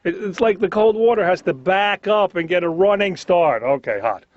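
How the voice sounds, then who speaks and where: A man with a high-pitched voice speaks at normal speed over music, performing a conversational observational comedy bit full of neurotic, exasperated complaints. The recording carries a slightly dull lo-fi cartoon soundtrack.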